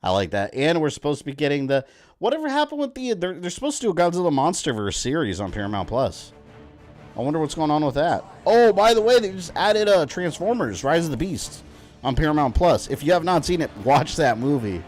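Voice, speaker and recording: A man's voice: a little high, very animated, a little fast, darkish tone, faint music behind. A man in his thirties chatting casually as a live streamer, fannish and rambling while he plays. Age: 30s.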